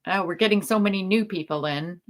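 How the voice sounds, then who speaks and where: A woman's voice: medium pitch, fairly quick. A woman co-hosting a casual livestream chat, talkative and laughing often, trailing off mid-sentence. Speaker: co-host.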